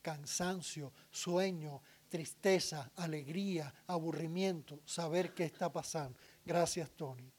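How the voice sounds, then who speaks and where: A man's voice: fairly high pitch, a little mellow, husky. A man giving a public talk on parenting, asking the audience questions and listing points one by one. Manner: deliberate, lists items one by one; asks the audience questions and answers them. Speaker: speaker addressing an audience.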